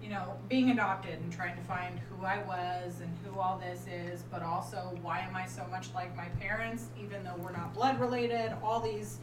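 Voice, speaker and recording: A woman's voice: on the low side, fairly even intonation, moderate pace, hardly any pauses. A woman telling personal stories in a casual, bantering group chat, often acting out what she said. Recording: roomy echo, distant mic, clear background noise.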